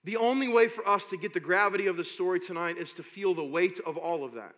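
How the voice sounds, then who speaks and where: Impassioned preacher in a reverberant hall. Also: male voice. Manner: builds from low reading to loud, impassioned preaching; reads scripture slowly and deliberately. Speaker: pastor. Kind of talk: sermon.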